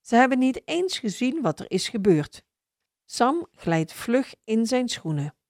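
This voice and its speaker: A woman reading a children's story aloud in a slow, expressive storybook manner. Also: fairly high pitch, no room sound, studio quality.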